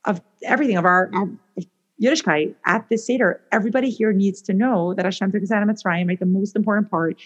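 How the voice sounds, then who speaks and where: A woman's voice: mid-range voice, fast, breathy edge. Chatty rambling woman, slightly dull audio. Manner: animated, rambling, with many restarts and fillers. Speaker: guest author. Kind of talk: casual podcast conversation.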